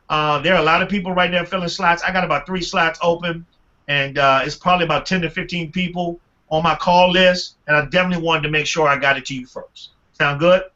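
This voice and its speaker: A man leading a motivational team training call, energetic and animated, calling on listeners by name. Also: sits high, muffled recording. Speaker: team leader.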